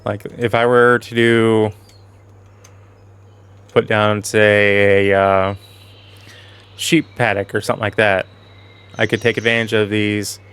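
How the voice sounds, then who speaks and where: A man giving casual, rambling commentary over a farming game while losing his voice, clearing his throat now and then, with soft music behind. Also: fairly low pitch, flat delivery, slow, pauses often. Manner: rambling, self-correcting, chatty. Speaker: gaming channel host.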